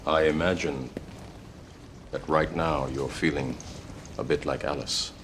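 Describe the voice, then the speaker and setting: An actor playing a calm, commanding male rebel mentor who speaks in a deep, measured, formal way. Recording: film soundtrack with clear ambient noise.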